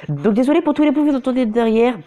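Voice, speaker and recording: Talking very fast in a very high voice with a dark tone, a man comments casually on a mobile game despite a cold and sore throat. He stumbles and corrects himself often, and a phone screen recorder captures it.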